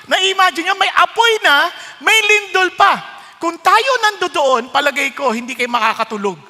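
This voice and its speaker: Male pastor, very high bright voice, long hall echo, mixes Tagalog and English, reads verses slowly. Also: lively intonation. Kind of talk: sermon.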